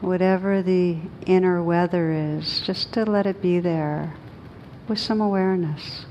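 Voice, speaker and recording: Leading a group through guided meditation, a woman speaks gently and unhurriedly in a fairly low, steady voice, with long pauses between phrases. The muffled recording carries clear background noise and a low rumble.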